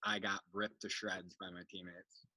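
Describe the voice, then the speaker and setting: A man in casual podcast chat, telling relaxed stories about his former teammates. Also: low-pitched, moderate pace, crowd noise. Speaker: guest, former soccer player.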